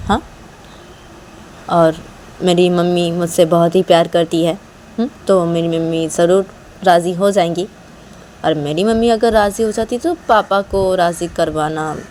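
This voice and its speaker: A woman's voice: lowish voice, a little mellow, slight background noise, lightly acted. A woman voicing a determined young woman who insists earnestly and repeats her resolve.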